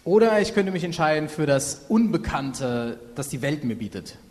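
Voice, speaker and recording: A man interpreting a sermon live, halting and filling pauses with ums while correcting himself. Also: a little high, big pitch swings, a little mellow. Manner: halting, many fillers and self-corrections. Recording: reverberant hall.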